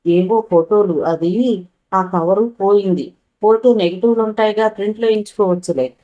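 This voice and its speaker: A woman's voice: mid-range voice, moderate pace, dark tone, lo-fi sound, close to an everyday voice. A woman voicing a playful young man in a spoken story, teasing and coaxing.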